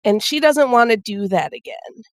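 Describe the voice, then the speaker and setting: A woman playing a tabletop game, quietly and deliberately narrating what her character does. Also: fairly high pitch, lively intonation, dry recording. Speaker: player.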